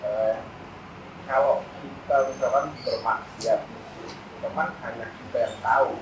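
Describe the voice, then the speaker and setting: A man in a mosque audience asking a question haltingly, with fillers. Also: medium pitch, fairly even intonation. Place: mosque hall. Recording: echoey hall, distant mic, clear noise.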